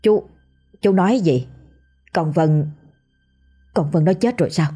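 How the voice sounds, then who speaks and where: A woman's voice: on the low side, lively intonation, takes it slowly, mellow, slightly rough, soft background music, full character voice. A woman voicing an older village mother who asks anxious, stammering questions. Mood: alarmed.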